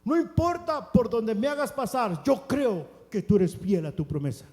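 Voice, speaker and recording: Impassioned high-voiced preacher in echoing church. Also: male voice, expressive, normal speed. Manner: impassioned, rising to shouts, addresses listeners as brothers. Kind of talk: Pentecostal sermon. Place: church sanctuary. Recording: long church hall reverb.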